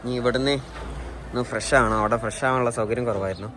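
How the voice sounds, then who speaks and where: A man's voice: medium pitch, fairly even intonation, quick pace. A man with a Malayali accent giving a casual walk-and-talk travel vlog, mixing English words into his Malayalam. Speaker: travel vlogger.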